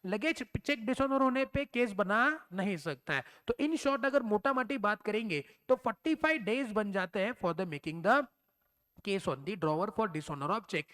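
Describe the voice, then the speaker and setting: A man's voice: high voice, expressive, unhurried, a bit bright. A male teacher giving a recorded exam-prep lecture, explaining step by step, asking and answering his own questions, and dropping in English terms.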